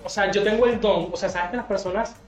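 A man's voice: high voice, fairly even intonation, quick pace, echoey room, faint music behind. A young man with a Venezuelan accent, a podcast guest who chats playfully and tells stories at the host's home. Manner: playful, storytelling, giggly. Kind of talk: casual podcast chat.

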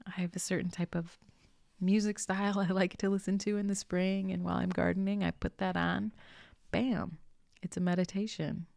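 A young adult woman with a low, gravelly voice talks through a relaxed motivational monologue. She is chatty and earnest, slips into soft whispers and swears casually. The sound is close and dry, with no room around it. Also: normal speed, no echo. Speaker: podcast host, spiritual coach.

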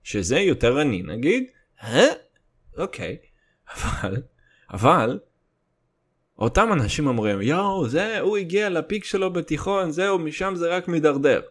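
A man's voice: a little high, lively intonation, fairly bright tone. A young man with a Russian accent in his Hebrew, rambling casually and comedically in crude slang, swearing and dropping in English words. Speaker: solo host.

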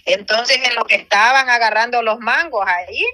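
A woman's voice: a little high, normal speed, pushed and bright. A woman telling her personal faith testimony in an earnest storytelling manner, acting out what others said. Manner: earnest storytelling with quoted dialogue. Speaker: church member giving testimony.

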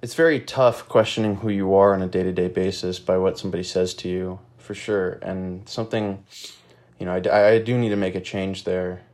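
A man's voice: deep voice, fairly even intonation, brisk, darkish tone. A young man hosting his own podcast alone, rambling and reflective with many fillers and casual swearing, a little out of breath and with a stuffy nose. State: slightly out of breath. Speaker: podcast host. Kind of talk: casual solo podcast monologue.

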